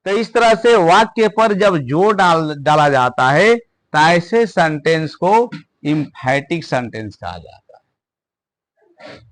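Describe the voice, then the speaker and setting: A man teaching English grammar in a classroom lesson, slowly repeating phrases word by word. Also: fairly high pitch, big pitch swings, fairly bright tone. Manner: slow, repeats words one at a time for stress.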